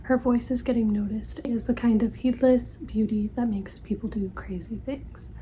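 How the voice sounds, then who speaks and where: A woman acts out a gentle, attentive librarian in an ASMR ASMR role-play. Her library soft voice is breathy, hushed and very mellow, set a little high. There is faint noise behind her as she politely helps a customer. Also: steady tone, moderate pace, close to an everyday voice, poor audio. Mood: reading softly. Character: helpful, polite female librarian recommending books to a customer.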